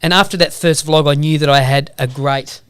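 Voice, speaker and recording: A man's voice: fairly high pitch, fairly even intonation, fairly quick, fairly bright tone, clean tone, dry recording, clean studio sound. A man with a broad Australian accent telling rambling anecdotes casually in an interview. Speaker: podcast guest, motorbike vlogger.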